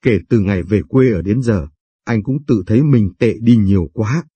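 A remorseful aging husband speaks low and apologetically, as a male narrator voices him. The tone is dark and husky, recorded close and dry. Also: moderate pace, dry recording.

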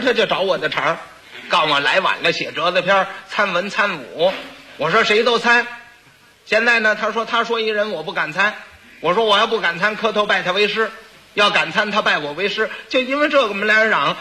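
A man's voice: high-pitched, animated, fairly quick, pushed and bright, slight background noise, full character voice. A man voicing a stubborn senior minister who speaks in brash, emphatic bursts. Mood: defiant.

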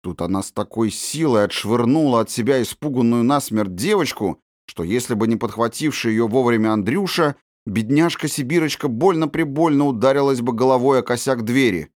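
A man narrating a storybook in a measured, descriptive reading. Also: medium pitch, expressive, darkish tone, no echo, clean studio sound. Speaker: audiobook narrator.

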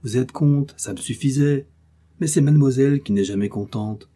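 A man reading aloud voices a quick-tempered aristocratic father who exclaims and protests, in a raised, loud voice. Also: medium pitch, voice pushed up, natural voice. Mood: protesting. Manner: exclaiming, indignant.

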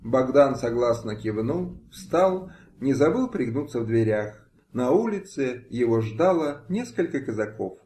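A man reading a historical audiobook aloud with expressive, dramatic delivery. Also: mid-range voice, measured pace, few pauses. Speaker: audiobook reader. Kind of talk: amateur audiobook narration. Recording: roomy home recording.

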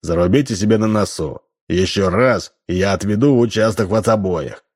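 A man voicing a gruff, stern rural constable who barks orders. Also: lowish voice, normal speed, a little mellow. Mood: barking orders. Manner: barking, stern.

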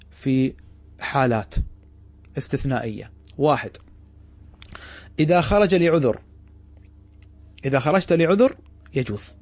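A man lecturing a class as a religious teacher at a brisk clip, in a fairly high voice. He tosses questions at his listeners and answers them himself. The sound is dry and close. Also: a little mellow, no room sound.

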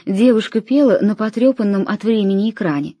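A woman narrates a story in an even, measured way. Her voice sounds mellow and warm. The recording is dry and close to the mic. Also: mid-range voice, dry recording. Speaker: audiobook narrator. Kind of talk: scripted narration.

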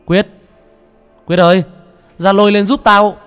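A man voicing a desperate young man who shouts and wails for his friend, with faint music behind. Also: high-pitched, little pitch movement, unhurried, clear, resonant tone, pitched above the performer's own voice. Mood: frantic shouting. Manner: shouting, anguished.

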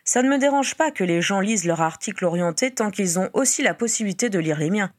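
A woman's voice: mid-range voice, animated, fast, lightly acted. Woman reading as Lee, a weary male wizard journalist. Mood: explaining.

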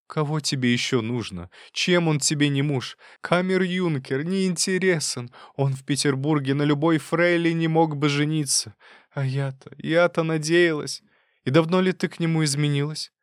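Guy doing a whiny hurt mom, reproachful, high and dramatic, dry audiobook. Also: normal speed, dry recording, natural voice. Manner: plaintive, reproachful. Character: proud, hurt middle-aged mother.

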